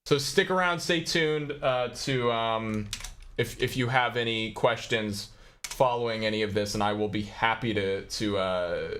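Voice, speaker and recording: A man's voice: mid-range voice, fairly even intonation, measured pace, a bit bright, a little hiss or hum. A young man hosting a casual livestream, explaining his own song in a rambling way with lots of fillers. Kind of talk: casual live walkthrough.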